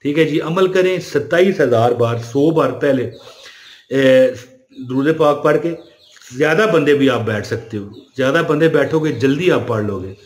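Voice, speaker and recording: A man's voice: mid-range voice, reverberant. A man gives a casual spiritual talk, chatty and addressing his listeners directly with polite fillers. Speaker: religious speaker.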